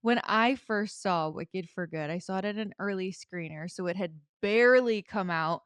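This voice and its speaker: A woman's voice: medium pitch, normal speed, clear, resonant tone, no room sound. A woman hosting a casual interview in an informal, effusive and giggly way. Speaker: interview host.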